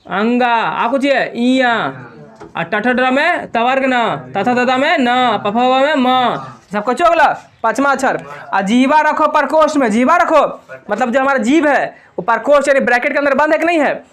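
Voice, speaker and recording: Young male teacher, very high voice, quizzes the class with repeated call-and-response questions in a classroom. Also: normal speed, fairly bright tone. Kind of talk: classroom grammar lesson.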